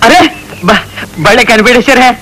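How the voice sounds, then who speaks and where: An actor playing a fast-talking, scheming man in a comic film scene. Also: very high-pitched, pushed and bright, a little hiss or hum, poor audio.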